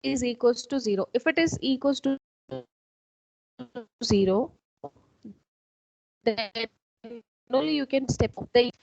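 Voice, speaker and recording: A woman's voice: a little high, slow pace, creaky, long pauses, darkish tone, no room sound. A woman teaching a math class online, explaining patiently step by step. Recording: dull, dry online-call audio.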